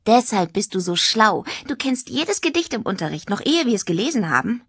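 A chatty, excitable teenage schoolgirl from a storybook gushes along breathlessly, voiced well above the reader's usual pitch by a woman reading aloud. Her lively voice swings up and down, and it sounds close and dry. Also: brisk, husky, dry recording, heavily acted. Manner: breathless and gushing.

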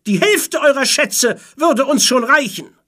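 A reader putting on a loud, squeaky, stammering pirate captain. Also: animated, measured pace, full character voice. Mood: pleading. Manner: hesitant, stammering with fillers. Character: blustering but nervous pirate captain, male. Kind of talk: storybook read-aloud.

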